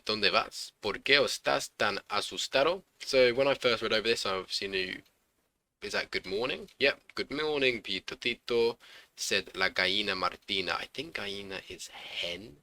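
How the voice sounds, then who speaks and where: A man's voice: on the low side, bright, forceful tone. A man hosting a casual language lesson, thinking aloud and correcting himself as he goes. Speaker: language learner host.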